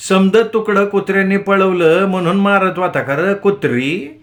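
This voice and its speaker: A male narrator voicing a quick-tempered village wife who scolds in a shrill, sharp voice. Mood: taunting.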